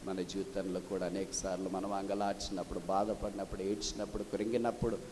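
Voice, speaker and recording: A male preacher delivering a sermon, swinging between loud rhetorical questions and soft low passages, with English phrases mixed in. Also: little pitch movement, fairly quick, big-room sound, slight background noise.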